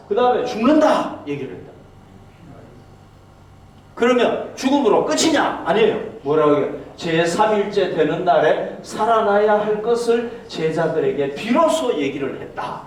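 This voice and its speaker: A male pastor preaches in a high, animated voice that swings widely in pitch. He keeps asking his congregation rhetorical questions. He is heard from some distance, and the church hall rings with heavy echo. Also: a little slow. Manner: acts out quoted speech in a raised voice. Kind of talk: sermon. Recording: very echoey hall, mic far off.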